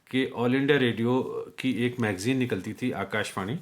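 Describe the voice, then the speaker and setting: Attentive man hosting a radio talk. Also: mid-range voice. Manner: attentive, frequent short affirmations, adds literary anecdotes. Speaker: radio host and interviewer. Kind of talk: radio conversation.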